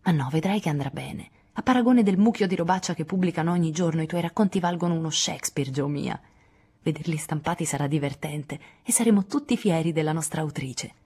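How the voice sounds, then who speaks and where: A woman's voice: low voice, a little fast, dark tone, slightly rough. A woman reading aloud, voicing a cheerful, teasing teenage boy in a playful, coaxing way.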